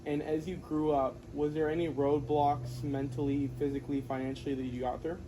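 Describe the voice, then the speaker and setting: A man hosting a casual interview, easygoing and chatty, often nodding along with quiet "mm-hmm"s. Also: on the high side, flat delivery, fairly quick, low-quality recording. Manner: easygoing, frequent "mm-hmm" listening sounds. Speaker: interviewer, channel host.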